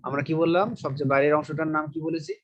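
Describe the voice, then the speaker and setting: A man's voice: a little high, little pitch movement, very fast. Male biology teacher, dull lo-fi sound. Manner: repeats key terms, asks and answers his own questions. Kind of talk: online lecture.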